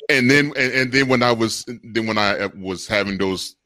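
A man's voice: lowish voice, normal speed, pushed and bright, dry recording, studio quality. A man on a discussion panel telling a personal story in an earnest, affirming way. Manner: earnest, affirming with "yes, sir".

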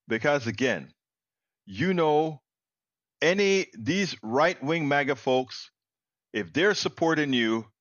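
A man hosting opinionated news commentary, repeating key phrases with deliberate emphasis. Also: medium pitch, a bit bright, dry recording, lo-fi sound. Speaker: host of political commentary show.

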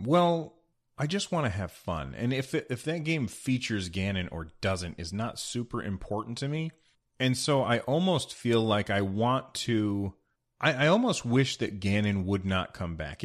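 A man hosting a casual solo gaming podcast, talking conversationally and directly to listeners in an echoey, unfinished studio room. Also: fairly low pitch. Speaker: podcast host. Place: new, unfinished home studio room with bare corners.

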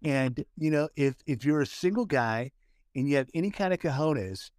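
A man's voice: fairly high pitch, lively intonation, normal speed, darkish tone, clean tone, no room sound. Upbeat man co-hosting a chatty podcast. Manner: hyping up his friend, frequent restarts. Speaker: podcast co-host. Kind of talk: casual chat, leading the story.

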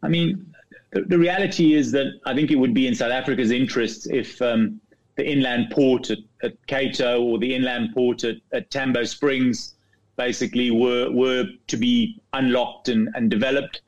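A middle-aged man from Zambia, a company chief in a business interview, speaking haltingly with many restarts and repeated words. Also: mid-range voice, fairly even intonation. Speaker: property fund CEO, guest. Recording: dull lo-fi remote line.

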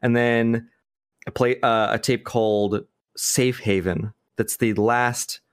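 A man talking on a casual podcast, cursing easily and telling stories with animated energy. His voice sits at an ordinary middle pitch. The sound is dry and close. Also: takes it slowly, smooth, no echo. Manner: swears freely, laughs easily, animated storytelling. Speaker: podcast guest. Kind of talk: casual chat.

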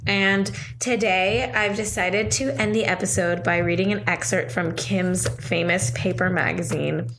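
Woman podcaster with vocal fry. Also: fairly low pitch, fairly even intonation, measured pace, few pauses, a bit bright. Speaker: podcast host. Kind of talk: casual banter.

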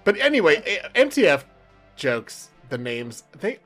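Here the podcast host sounds fairly high and bright, very animated yet unhurried. Music sits beneath his informal chat, which mixes swearing, plenty of laughter, and bits of reading aloud.

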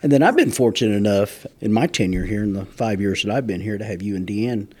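A man hosting an interview podcast, chatty and friendly with halting restarts. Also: on the low side, darkish tone. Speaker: host, museum director.

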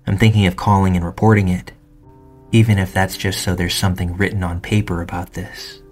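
A man reading first-person true stories aloud in calm, measured scripted narration. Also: low-pitched, soft background music.

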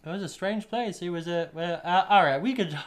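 A man's voice: sits high, fairly quick, voice pushed up, lightly acted. A man voicing an awkward, sweet character who stammers eagerly. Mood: sheepish.

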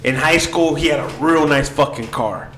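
A man's voice: a little high, normal speed. A man hosting a podcast with casual, crude comic banter, teasing and prodding in slangy speech. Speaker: podcast host. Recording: very roomy, distant mic, loud crowd noise.

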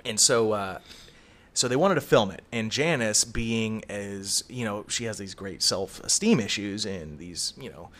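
A man's voice: lowish voice, a little slow, a bit bright. A middle-aged man chatting casually on a podcast, telling a story in a rambling, profane way. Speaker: podcast co-host. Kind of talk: casual chat.

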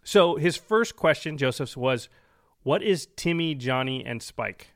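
A man's voice: a little high, lively intonation, a little slow, a bit bright, no echo, studio quality. A man co-hosting a podcast, explaining things in a casual, conversational way. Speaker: podcast co-host.

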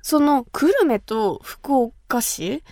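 A woman in her thirties with a Kumamoto accent hosts a casual radio chat. Her voice sits a little high and sounds bright, and she nods along often. The studio mic gives a dry, close sound. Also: expressive, takes it slowly, no room sound. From Kumamoto, Japan. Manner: chatty, with frequent backchannel nods. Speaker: radio host. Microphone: studio microphone.

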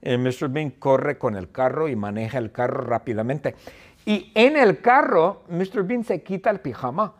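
A male teacher narrating a story slowly and playfully for language learners, repeating phrases and adding sound effects. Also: on the high side, lively intonation. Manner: slow, repetitive, playful retelling with sound effects.

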